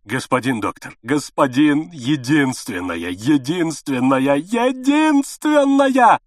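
A frantic middle-aged peasant father, as a male reader puts him on, begging in a storybook. His pleas leap from low hushed whispers to high, cracking cries. The recording is close and dry. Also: expressive, moderate pace, slightly rough, no echo. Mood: anguished pleading.

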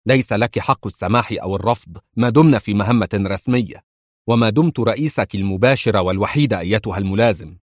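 A man's voice: lowish voice, fast, no room sound, clean studio sound, natural voice. A man voicing a stern male commando officer who speaks coldly and sharply to his subordinate in an audiobook. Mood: angry.

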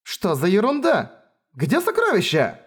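A man voicing a brash, greedy young woman who demands treasure, in a raised, lively tone. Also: a little high, normal speed, breathy edge, voice pushed up, full character voice.

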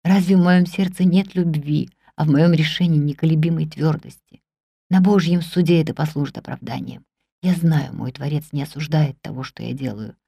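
Woman reader doing an ardent middle-aged man: low, intense, dry close audiobook sound. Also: animated, measured pace, dark tone, no echo. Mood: brooding. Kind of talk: audiobook character reading.

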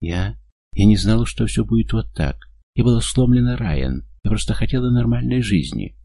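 A man's voice: on the low side, lively intonation, moderate pace, creaky, mellow, no room sound, pitched above the performer's own voice. A man voicing a frightened, tearful young woman who pleads and sobs with a breaking voice. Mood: confessing.

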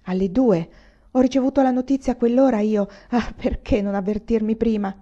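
A woman's voice: on the high side, fairly even intonation, a little fast, mellow, pitched above the performer's own voice, natural voice. A woman voicing an anguished young man. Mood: distressed. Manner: anguished, crying out and sobbing. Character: young man, grieving and horrified son. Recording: slightly dull lo-fi recording.

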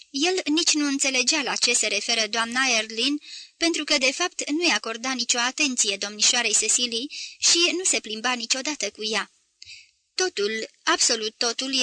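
A woman reads a novel aloud in a bright, clear voice that sits a little high for a woman. She tells the story at a measured, steady pace and gives the quoted lines a light touch of character. The sound is close and dry, with no room around it. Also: dry recording. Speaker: audiobook reader. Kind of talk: scripted literary narration.

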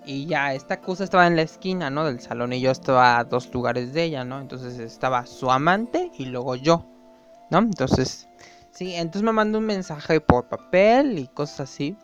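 A man's voice: on the high side, expressive, moderate pace, muffled recording, faint music behind. A young man telling a rambling, gossipy story as a vlogger. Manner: rambling and gossipy, full of fillers and tag questions. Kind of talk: casual storytelling.

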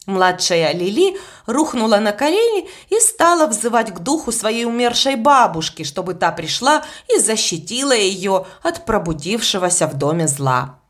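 Expressive woman reading a children's story. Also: mid-range voice, normal speed. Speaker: audiobook reader. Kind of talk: storybook narration.

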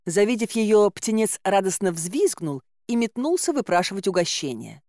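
A woman narrating a first-person audiobook in a measured, lightly ironic storytelling manner on a close mic. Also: medium pitch, sing-song, darkish tone, dry recording.

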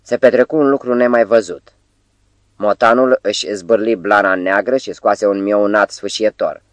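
A man reads an audiobook in a measured, dramatic storytelling manner. His voice is on the low side. The recording is dry and close, with no room sound. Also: no echo. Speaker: audiobook narrator. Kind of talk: scripted audiobook narration.

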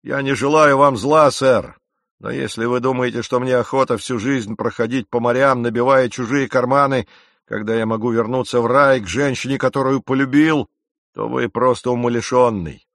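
A man's voice: mid-range voice, fairly even intonation, moderate pace, fairly bright tone, no room sound, clean studio sound, natural voice. A man voicing a blunt, defiant young sailor who refuses his captain.

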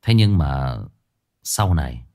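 Animated man telling a grim tale. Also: slow pace. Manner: animated, swings from high emphatic bursts to low somber drops; addresses listeners directly, casual with restarts. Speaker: storyteller. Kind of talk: spoken storytelling to listeners.

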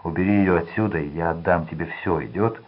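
A man voicing a desperate, terrified male crook who pleads and shouts in a trembling voice. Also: sits low, brisk, dull audio. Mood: desperate begging.

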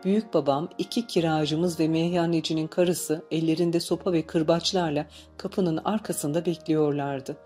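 A woman reading a novel aloud as an audiobook narrator, in calm, measured storytelling. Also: low voice, faint music behind. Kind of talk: scripted narration.

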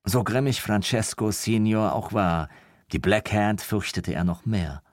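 A man narrating an audiobook in a measured, scripted storytelling manner. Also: on the low side, dry recording, clean studio sound.

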